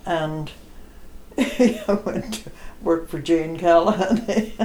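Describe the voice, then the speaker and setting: A woman's voice: on the low side, drawn-out words, darkish tone, echoey room, slight background noise. A woman in her eighties, chatting about her past in a self-deprecating way. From Ontario, Canada. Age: 80s. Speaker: interviewee. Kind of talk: reminiscing in an interview.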